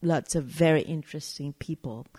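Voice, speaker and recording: Low-voiced woman. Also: normal speed, mellow, husky. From Chile. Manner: chatty, storytelling, searches for words. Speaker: winery owner, interview guest. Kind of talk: casual interview chat.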